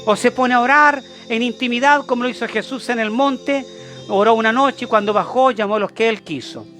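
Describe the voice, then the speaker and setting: A man's voice: very high voice, fairly quick, pushed and bright, faint music behind. A man with a Chilean accent preaching a sermon as an apostle, emphatic and repetitive, with many rhetorical questions to his listeners. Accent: Chilean Spanish.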